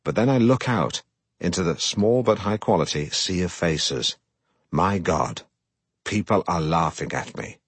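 A middle-aged man, reading a comic first-person story aloud in a deadpan, self-important manner, close to the mic. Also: deep voice, measured pace, breathy edge, no room sound. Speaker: audiobook narrator.

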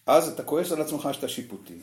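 A man leads a meditation group and thinks aloud as he explains, pausing often. His voice sits a little high and moves a lot in pitch. The room around him rings with echo. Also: lively intonation. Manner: reflective, explains with fillers and pauses. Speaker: meditation teacher. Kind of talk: teaching a group discussion. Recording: echoey room.

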